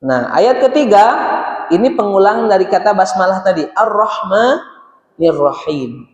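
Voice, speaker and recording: A man's voice: sits high, animated, a little slow, highs cut off. A man teaching Quran recitation in a mosque, speaking with a Sundanese Indonesian accent and patiently repeating and chanting each verse for his listeners to follow. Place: mosque hall. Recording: echoey mosque hall with long reverb.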